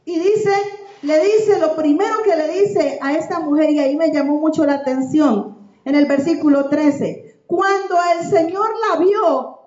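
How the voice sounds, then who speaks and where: High-voiced woman pastor preaching in an echoey room. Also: a little mellow. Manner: emphatic, repetitive preaching cadence. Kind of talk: sermon. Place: church. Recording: echoey church room, dull lo-fi sound.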